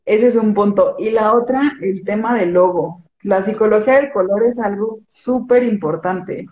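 A woman's voice: mid-range voice, normal speed, warm tone, roomy sound, lo-fi sound. A woman with a Mexican accent, an image consultant chatting casually in an interview, explaining with everyday examples.

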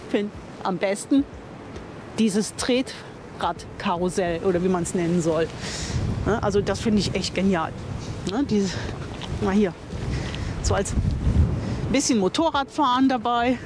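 With background noise around her, an older woman speaks in a mid-range voice as she vlogs a casual tour of an outdoor campsite. She's enthusiastic and talkative, working through her thoughts aloud and fixing her own slips.

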